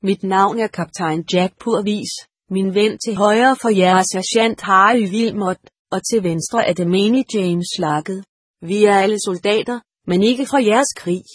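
A woman's voice: mid-range voice, husky, no echo, studio quality. A woman narrating a story aloud, reading the dialogue with only slight voice changes. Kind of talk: audiobook narration.

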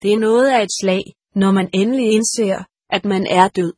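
A woman's voice: mid-range voice, a little mellow, husky, no room sound, clean studio sound. A woman narrating a story aloud, reading the dialogue with only slight voice changes. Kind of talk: audiobook narration.

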